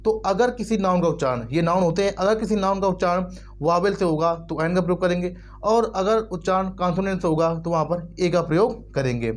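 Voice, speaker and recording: A man's voice: sits high, a little fast, a little hiss or hum. A man teaching English grammar in Hindi, repeating words over and over and spelling them out letter by letter. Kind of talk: explanatory lesson in Hindi.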